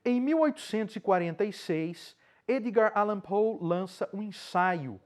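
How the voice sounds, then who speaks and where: A man lecturing on poetry and translation, explaining step by step and often checking in with a quick "né?". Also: high-pitched, expressive. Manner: explanatory, with frequent checking "né?" and restarts. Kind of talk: spoken lecture.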